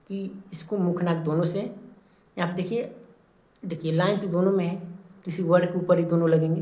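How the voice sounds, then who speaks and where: A man's voice: sits high, darkish tone. A man teaching an exam-prep lesson, explaining step by step and repeating key points with frequent check-ins. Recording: roomy echo.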